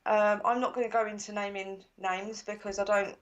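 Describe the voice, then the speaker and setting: A woman's voice: medium pitch, little pitch movement, normal speed, lo-fi sound. Chatty female co-host. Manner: chatty, indignant, with hesitant fillers. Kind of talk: live chat show.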